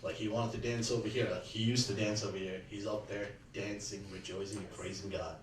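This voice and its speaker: A man speaking at a memorial in earnest, halting sentences with many restarts, remembering his late father-in-law. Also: lowish voice, fairly even intonation. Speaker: eulogy speaker, son-in-law. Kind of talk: personal remembrance speech. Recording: echoey room, distant mic, faint background hum.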